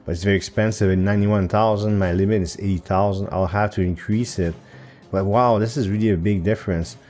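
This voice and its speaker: A man hosts his gaming channel from a home setup, his lowish, darkish voice a little fast with fairly even intonation, faint music behind him. His casual commentary thinks aloud over play, with hesitant fillers and self-corrections.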